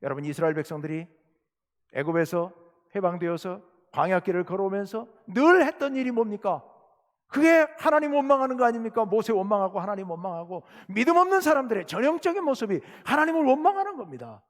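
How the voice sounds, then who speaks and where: A man preaching from the pulpit, his voice riding high and swinging widely as he questions and exhorts his congregation. The sound carries a long reverb from the church sanctuary. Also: expressive, fast. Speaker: pastor. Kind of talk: sermon.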